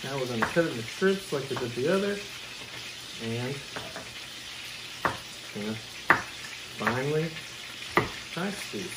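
A young man hosting a casual cooking video in his home kitchen, chatting to the viewer as he chops and stirs. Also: on the high side. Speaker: cooking show host. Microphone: camera mic at a distance. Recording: noisy kitchen with sizzling pan. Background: frying and sizzling food.

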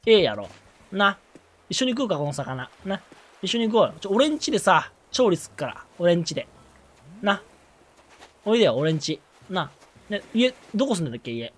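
A man's voice: sits high, sing-song, normal speed, pauses often. A man streaming a life-sim game, joking in mock-flirty, teasing banter with the characters. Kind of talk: casual gameplay commentary.

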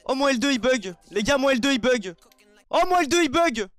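A young man with a French accent giving raging gameplay commentary, shouting one moment and muttering the next, with sing-song taunts. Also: very high-pitched, lively intonation, brisk, no room sound, soft background music. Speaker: gaming streamer.

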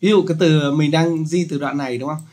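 A chatty man talks through a casual screen-recorded software tutorial. His voice sits slightly high, and his explanations stay loose and joking. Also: steady tone, a little fast.

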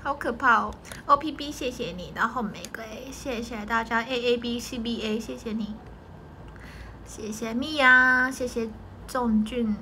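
A young idol group member with a Taiwanese Mandarin accent livestreams from home, answering comments and laughing a lot. Her voice is fairly high and unhurried, with background noise present.

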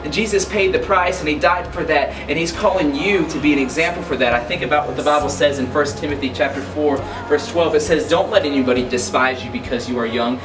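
A young man, a youth pastor, giving a short motivational talk to the camera, earnest and building to excited emphasis. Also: a little high. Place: school locker room and long hallway, indoors. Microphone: camera a few steps away, no mic seen. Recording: roomy, distant sound with music underneath.

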